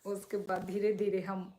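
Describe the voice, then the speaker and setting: A young woman from Tripura chatting casually on a phone live stream at home at night, reading viewers' comments and talking softly so she won't disturb the neighbours. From Tripura, India. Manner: chatty, sways while talking, lowers voice to keep it down. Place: small room at home at night. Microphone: phone held or propped close.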